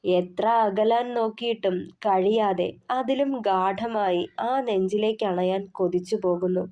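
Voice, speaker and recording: Warm, mellow woman narrating a romance novel. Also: mid-range voice, steady tone. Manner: soft, measured storytelling. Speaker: author and narrator.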